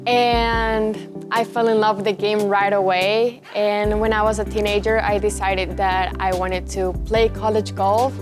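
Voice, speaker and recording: A woman's voice: mid-range voice, little pitch movement, unhurried. A young woman from Ecuador, a student athlete, speaking earnestly about her college life. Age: young adult. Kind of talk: interview talk. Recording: music bed underneath.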